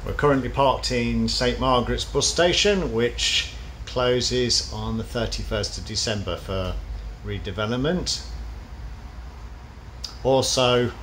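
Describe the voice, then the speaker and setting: A man's voice: medium pitch, slow, a bit bright. Man casually explaining, noisy background. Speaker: bus enthusiast presenting a video. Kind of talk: casual explanatory vlog commentary. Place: inside a parked bus at a bus station. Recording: noisy vehicle ambience.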